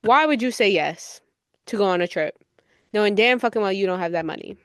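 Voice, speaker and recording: A woman's voice: mid-range voice, lively intonation, fairly quick, clean tone, no room sound. A woman hosting her own podcast, giving blunt, profane commentary and scolding people directly. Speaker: podcast host. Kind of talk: casual solo podcast commentary.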